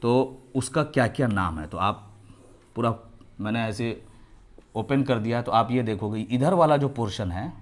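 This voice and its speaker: A man teaching a children's geography lesson, mixing Hindi with English terms and slowly repeating names to drill pronunciation. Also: mid-range voice, lively intonation. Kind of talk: classroom lesson for young children.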